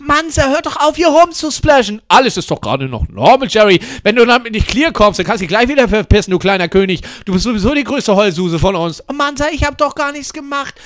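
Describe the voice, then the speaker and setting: A man with a hoarse voice doing a rowdy, crude comedy skit, shouting and mixing English words into his German. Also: sits high, big pitch swings, quick pace, hardly any pauses, no echo, studio quality.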